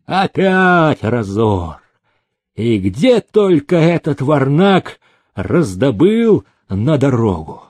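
A man voicing a gloating, grudging older merchant uncle who drawls slowly. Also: medium pitch, sing-song, a little mellow, dry recording, clean studio sound, exaggerated voice. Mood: sour.

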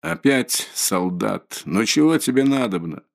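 A man reading an audiobook, voicing a distraught, proud, impoverished widow who talks in a shrill, frantic, haughty way. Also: expressive, a little slow, vocal fry. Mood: scolding, frantic.

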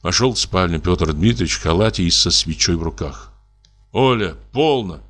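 A man with a lowish voice reads classic fiction aloud at an even, measured pace. His narration is expressive, with the mood carried by his delivery. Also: faint music behind. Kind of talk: audiobook reading of classic fiction.

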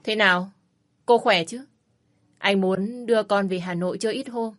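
A woman's voice: medium pitch, normal speed, lightly acted. A woman voicing a smug, pushy ex-husband who talks in a wheedling, mocking, overly familiar way in a storybook reading. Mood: smug teasing. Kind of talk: storybook narration.

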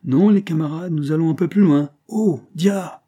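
Frank, hearty young charcoal burner in an audiobook, read by a man, dark husky voice. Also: mid-range voice, normal speed, natural voice.

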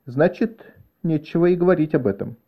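A man's voice: a little high, lively intonation, brisk, slightly rough, voice pushed up. A man reading the part of a stern female train captain with a mechanical hand, curt and commanding, on a dull lo-fi recording.

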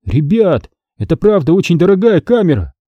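A man's voice: high-pitched, big pitch swings, moderate pace, breathy edge, no room sound, phone-quality sound, voice pushed up, heavily acted. A man voicing a nervous teenage boy in an audiobook, anxious and protesting. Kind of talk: audiobook character voice.

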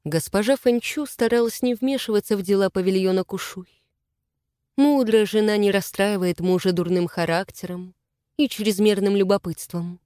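A woman narrating a fantasy audiobook in a measured, expressive way. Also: medium pitch, dry recording, clean studio sound. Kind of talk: scripted narration.

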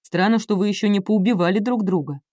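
A woman's voice: medium pitch, quick pace, a little mellow, no echo, clean studio sound, lightly acted. A woman reading an audiobook, voicing a stern young man who talks in a clipped, exasperated way. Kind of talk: audiobook character voice.

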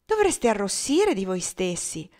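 A woman's voice: mid-range voice, sing-song, unhurried, a little mellow. Earnest strict spinster, morally firm, read by a woman. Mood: earnest, indignant. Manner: earnest, questioning.

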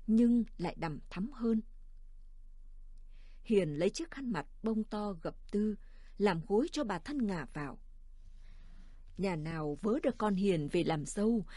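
A woman narrating a story in a calm, measured audiobook reading. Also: medium pitch, dry recording, clean studio sound.

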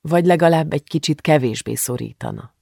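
A calm, measured storyteller reading a novel aloud with a gravelly edge to the voice. The recording is dry and close, with no room sound. The pitch sits in the middle range. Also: no room sound. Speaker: audiobook narrator. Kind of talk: scripted narration.

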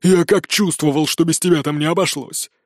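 A wounded old dwarf grumbles and groans in a weak, strained voice, as a man acts him out. He sits a little higher than an everyday man, and the storybook sound stays close and dry. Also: fairly even intonation, a little fast, no echo, close to an everyday voice. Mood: groaning outburst.

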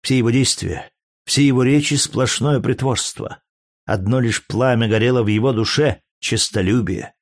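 A man's voice: mid-range voice, moderate pace, no echo, clean studio sound, lightly acted. A man reading aloud and voicing a jealous, scornful young Greek courtesan with a biting, mocking manner.

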